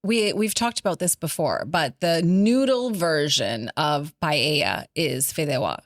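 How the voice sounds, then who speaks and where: A woman's voice: sits low, animated, unhurried, no room sound, studio quality. A woman co-hosting a podcast in casual travel chat, easygoing and agreeable, with many short replies. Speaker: podcast co-host.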